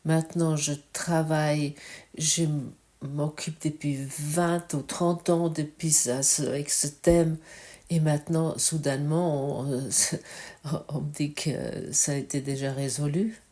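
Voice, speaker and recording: A woman giving a spiritual teaching talk, reflective and halting, often asking the listener direct questions. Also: low voice, fairly even intonation, mellow. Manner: searching for words, halting.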